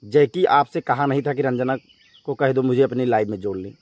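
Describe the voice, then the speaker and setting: Speaking fairly quickly in a medium-pitched, somewhat mellow voice with no room sound, a man vlogs on YouTube, scolding his viewers in an emphatic, confrontational rant full of repetition.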